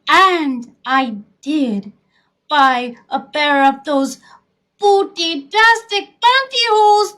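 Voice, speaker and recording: A woman playing a glamorous, theatrical vintage-starlet talk show hostess, purring with affected, drawn-out diction. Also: very high voice, sharp tone, exaggerated voice. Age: over 40. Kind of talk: comedic in-character talk show hosting.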